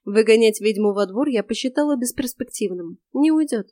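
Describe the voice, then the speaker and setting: A woman's voice: fairly high pitch, expressive, a little fast, mellow, dry recording. A woman narrating a first-person audiobook in a dry, sardonic manner.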